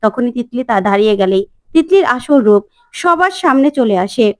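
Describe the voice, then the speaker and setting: A woman retelling a TV serial episode in a plain, steady storytelling voice. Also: on the high side, normal speed, dry recording. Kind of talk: storytelling recap.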